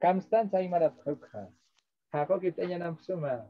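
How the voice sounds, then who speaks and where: A man's voice: high voice, normal speed. A man lecturing as a translation course instructor, explaining patiently and checking in with his listeners as he switches between two languages. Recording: dull dry lo-fi audio.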